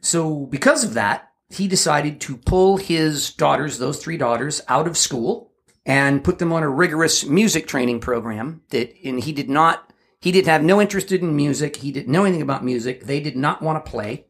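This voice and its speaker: A man co-hosting a casual podcast with a somewhat high-pitched voice. He tells his story in a loose, rambling way, full of ums and short laughs. The tone is relaxed banter. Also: normal speed. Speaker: podcast co-host.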